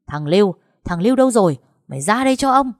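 A woman voicing a hot-headed young husband who shouts threats in a furious temper. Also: medium pitch, big pitch swings, a little fast, dry recording, studio quality, pitched above the performer's own voice.

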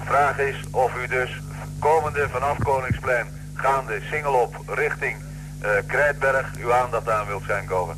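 A man's voice: mid-range voice, unhurried. Male police radio dispatcher, formal, hesitant fillers, noisy humming transmission.

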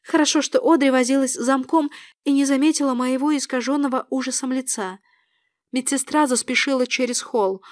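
A woman reading a first-person novel aloud as an audiobook narrator, in a lively, expressive manner. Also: high voice, fairly quick, no room sound, clean studio sound.

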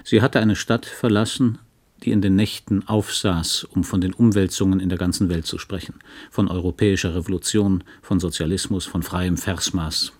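A man narrating a literary audiobook with a calm, measured, low-key delivery. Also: slightly rough. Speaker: audiobook reader.

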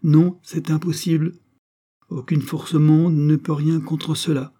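A man's voice: mid-range voice, normal speed, mellow, husky, natural voice. A man voicing a grave, formal male secret-society master in an audiobook, speaking in a solemn, ceremonious way. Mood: fervent.

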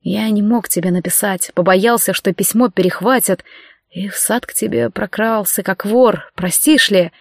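A woman voicing a tender, sorrowful young man in an audiobook, speaking softly and low. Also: normal speed, gravelly, no echo, studio quality.

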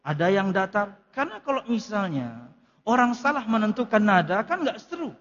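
Guy with a high voice explaining scripture line by line, kinda muffled, big echoey hall. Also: sing-song, moderate pace, a bit bright. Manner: explains Arabic text line by line in casual Indonesian. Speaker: ustadz teaching a kitab study. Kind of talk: religious study lecture.

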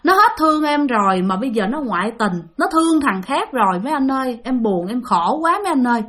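A tearful, self-pitying drunk man, voiced by a woman, lamenting in the same phrases again and again. His voice sits slightly high for a man, told within a spoken ghost story. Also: animated, brisk, fairly bright tone. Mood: plaintive. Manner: plaintive, repetitive lament.

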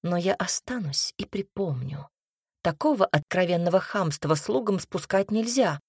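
A woman narrates a first-person audiobook in a measured, wry manner. Her voice is on the low side and the recording is dry and close to the mic. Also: expressive, darkish tone, slightly rough, no echo.

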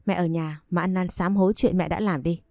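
A woman voicing a young husband who stands up to his mother firmly, in a low, mellow voice. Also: fairly even intonation, a little fast, creaky, dry recording, studio quality. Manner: resolute, defiant. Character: young husband, firm and protective.

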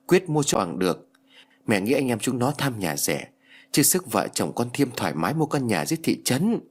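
A man's voice: medium pitch, big pitch swings, moderate pace, husky. A man voicing a grieving, stern old mother-in-law in an audiobook ghost story. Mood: lamenting. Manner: heavy, lamenting storybook dialogue.

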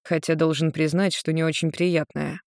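A narrator voicing a confused blond male demon who speaks softly and wryly. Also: medium pitch, normal speed, no room sound, clean studio sound, close to an everyday voice.

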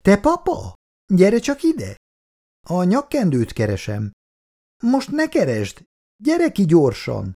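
A man reading aloud and voicing a brisk, bustling older working-class housewife who talks in a quick, chatty way. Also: medium pitch, huge pitch swings, warm tone, pitched above the performer's own voice. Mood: excited.

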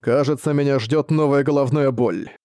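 A man's voice: medium pitch, normal speed, warm tone, no echo, clean studio sound, close to an everyday voice. A man reading a blunt orc warrior. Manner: blunt, terse questions. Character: brutal orc warrior, male, gruff and weary.

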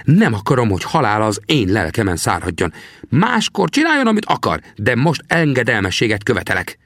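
A cackling old trapper in an audiobook, his voice pushed far up into a high, gravelly register. He teases and scolds with wild swings of pitch, and the recording is close and dry. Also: wildly swooping pitch, a bit bright, no echo, heavily acted. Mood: stern. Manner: mocking, cackling laughter. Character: teasing old male frontier trapper.

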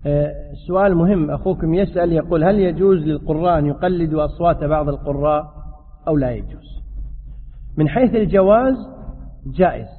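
A man, a sheikh, giving a religious lesson and answering questions from the audience in a quick, explanatory way. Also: fairly high pitch, a little hiss or hum. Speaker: sheikh teaching fiqh. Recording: tinny, echoey hall sound.

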